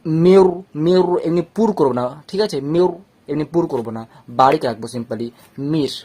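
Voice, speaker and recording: Guy teaching tajweed, bit high pitched, keeps asking himself stuff then answering, says letters out slow, checks you got it. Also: dark tone, husky. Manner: explains by asking and answering his own questions; repeats phrases and checks understanding often. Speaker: Quran recitation teacher. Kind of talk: step-by-step tajweed lesson.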